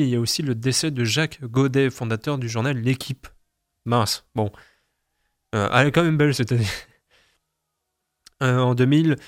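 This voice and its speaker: A young man reads out the day's almanac in a loose, chatty way, joking at his own slips. His voice sits at an ordinary middle pitch. The recording is dry and close, with no room sound. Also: no echo. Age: young adult. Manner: chatty, self-mocking, stumbles over words. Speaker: host. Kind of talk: casual reading of daily almanac.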